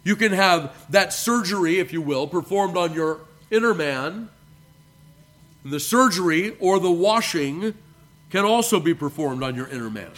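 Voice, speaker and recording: A man, a pastor, preaching a measured sermon and reading scripture aloud. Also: sits high, animated, a bit bright. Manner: addresses listeners as beloved.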